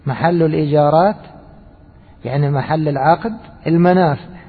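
A man giving a religious jurisprudence lesson, repeating key phrases and asking the class rhetorical questions. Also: fairly high pitch. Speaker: Islamic jurisprudence teacher. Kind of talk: religious lecture. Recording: tinny phone-like lecture recording with long reverb.

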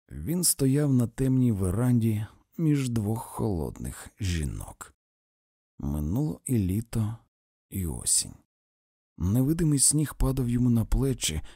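A man narrating a literary short story as an audiobook reader, slow and expressive. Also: fairly low pitch, husky, dry recording, studio quality.

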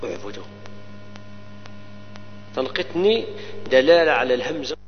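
A man teaching the rules of Quran recitation. He explains each rule step by step and recites the verses slowly, drawing out the words. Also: mid-range voice. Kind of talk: tajweed lesson with recited verses. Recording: long reverb, dull lo-fi sound, mains hum.

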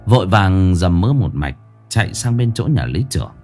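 Brief: low-voiced man, lively ghost-story narrator, faint music bed. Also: normal speed. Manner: expressive storytelling, acts out all voices.

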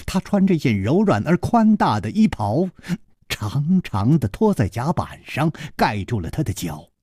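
A male storyteller with an expressive, measured delivery. He speaks slowly, his pitch swinging widely. The sound is close and dry. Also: husky, no echo. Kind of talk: Chinese storytelling narration.

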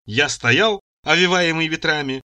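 A man's voice: on the high side, unhurried, bright, forceful tone. A man narrating an audiobook in the first person, telling the story expressively. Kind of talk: audiobook reading.

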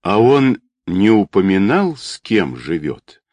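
A man's voice: lowish voice, sing-song, takes it slowly, darkish tone, no echo, heavily acted. A man voicing a curt, guarded young man who gives short orders. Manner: curt, commanding.

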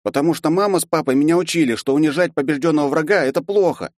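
A man voicing an earnest young orc student, high-pitched. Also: very fast, a little mellow, no echo, studio quality, lightly acted. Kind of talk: audiobook character voice.

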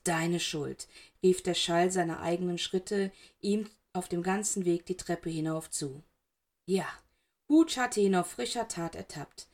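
Woman audiobook reader, expressive and dramatic. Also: on the low side. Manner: dramatic, emotive narration. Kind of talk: expressive fan fiction reading.

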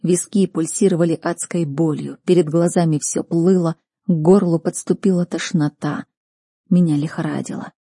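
Woman narrating a fantasy story, husky, dry close sound, measured and tense. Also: lowish voice, steady tone, mellow, no room sound. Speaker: audiobook reader. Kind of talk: first-person fantasy narration.

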